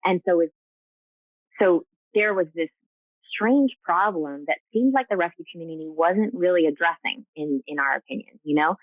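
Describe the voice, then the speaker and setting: In a casual video-call interview, a woman with a lowish voice speaks at a moderate pace as a guest and rescue co-founder. Her earnest talk is full of fillers and restarts, and the dry recording has tinny, phone-like call audio.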